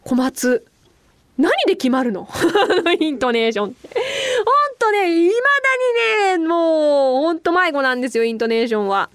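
A woman radio host with a slight Kansai-leaning lilt chats in a casual podcast. Her voice sits high and swoops widely as she talks animatedly and laughs easily. The studio sound is dry and close. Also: moderate pace, no room sound. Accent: slightly Kansai-leaning Japanese. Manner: animated, chatty, laughs often. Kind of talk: casual podcast chat, reading listener mail.

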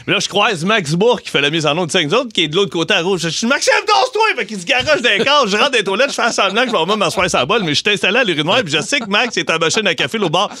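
A man's voice: high voice, racing, few pauses, no echo. A man with a Quebec French accent telling comic stories on a radio show, laughing and acting out the voices of the people in them. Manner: animated, laughing, acts out voices.

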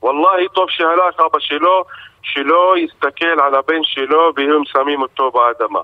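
Man on a tinny phone line halting, grieving father. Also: on the high side. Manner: halting, repeats words, emotional and angry. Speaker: bereaved father, radio guest. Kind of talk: phone-in radio interview. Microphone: telephone.

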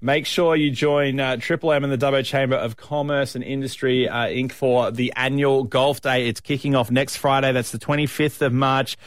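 A man's voice: mid-range voice, fairly even intonation, moderate pace, hardly any pauses, no echo, clean studio sound. An Australian man hosting radio interviews in a casual, upbeat and jokey way. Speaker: radio host.

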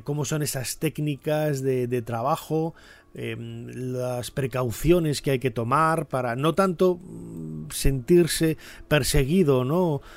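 Male presenter, middle-aged, Castilian accent. Mid-pitched informal commentary, discursive, dry sound. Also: vocal fry, no echo. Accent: Castilian Spanish. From Spain. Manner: discursive, seeks agreement with tag questions.

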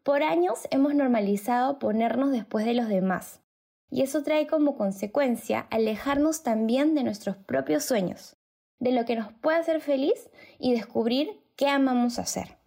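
A woman reading a scripted voice-over narration in a measured way. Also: high-pitched, gravelly, dark tone. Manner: measured, composed delivery.

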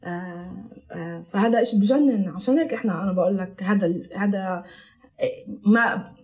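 As an interview guest on a podcast, a Galilee-born Palestinian woman mixes English and Italian words into her casual Arabic. Her mid-range voice has a darkish tone and a slightly fast pace.

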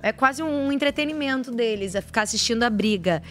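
A woman hosting a casual talk show, sounding chatty and playful. Her voice sits a little high, and she banters easily while steering the conversation. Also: a little fast. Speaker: host.

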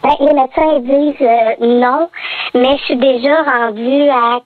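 A woman speaks through an electronic voice disguise, her tone pitched fairly high. She talks slowly and seriously, with many pauses and fillers. The sound is dry and thin, as if over a phone line. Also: steady tone, no echo. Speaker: anonymous radio guest. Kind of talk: telling a personal story on air.

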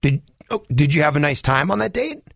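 A male radio co-host with a husky, slightly high voice. His pitch moves around freely as he asks casual questions on air. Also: big pitch swings, brisk, dry recording, studio quality.

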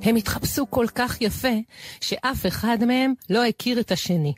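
Woman reading a children's story. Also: a little high. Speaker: radio host. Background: music.

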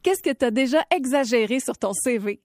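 A woman's voice: on the high side, moderate pace, noisy background. A Québécoise woman in her thirties, co-hosting a radio show in casual chat, laughing often as she tells stories. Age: 30s. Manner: laughs often, animated storyteller. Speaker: radio co-host.

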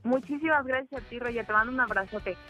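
A woman's voice: fairly high pitch, fast talker, sharp tone, faint music behind. A woman calling in to a radio show to tell a complaint, hesitant and full of fillers. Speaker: caller. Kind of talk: phone-in complaint. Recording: tinny phone line with faint hiss.

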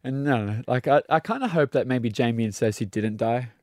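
Guy co-hosting a chatty recap, mid pitch, dry sound, animated and laughing. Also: normal speed, dry recording. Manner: excitable, acts out quotes, laughs often. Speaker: podcast co-host. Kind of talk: casual chat.

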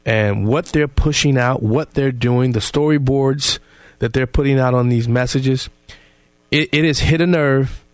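A male talk radio host with a middle-pitched voice, speaking casually but fired up. He restarts and repeats words as he pushes his point. The sound is dry and close, with no room echo.

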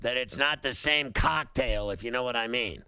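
A man's voice: medium pitch, normal speed, pushed and bright, smooth, no echo. A man hosting a sports call-in show, talking casually in a brash, boastful, teasing way. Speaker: sports radio call-in host. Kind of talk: casual fantasy football sports talk.

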